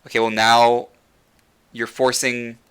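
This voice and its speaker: A man's voice: mid-range voice, completely flat delivery, slow, a bit bright, clean tone. A man hosting a casual gaming discussion, rambling with many fillers and restarts, saying he is losing his voice. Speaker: podcast host.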